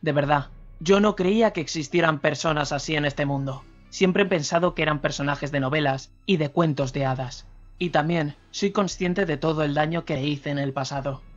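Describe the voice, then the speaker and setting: A man voicing a calm, remorseful former convict who speaks in a measured, earnest way, in a slightly dull radio recording. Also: fairly high pitch, soft background music, close to an everyday voice.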